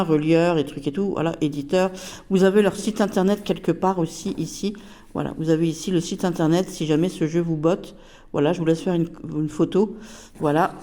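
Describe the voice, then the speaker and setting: A woman's voice: lowish voice, warm tone. A woman casually reviewing a tarot deck, chatty and hesitant with many fillers.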